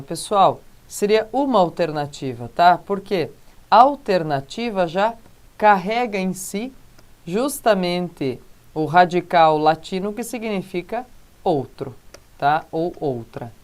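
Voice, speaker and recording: A woman's voice: fairly low pitch, lively intonation, a little mellow. A woman with a Brazilian accent teaching a recorded grammar lesson, checking in with the class after almost every point. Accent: Brazilian Portuguese. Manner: explains slowly with frequent "tá?" and "né, gente?" check-ins.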